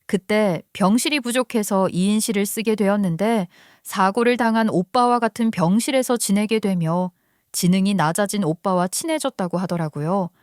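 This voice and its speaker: An older woman giving a calm, scripted first-person narration of a family story. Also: medium pitch, moderate pace, no room sound, clean studio sound.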